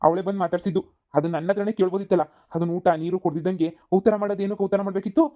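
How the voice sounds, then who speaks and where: A sulky old village father-in-law grumbles and complains in a cartoon comedy, as a woman puts him on. The voice sits low and mellow, and the recording is slightly dull and lo-fi. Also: steady tone, rapid-fire, lightly acted. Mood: indignant. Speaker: cartoon voice actor.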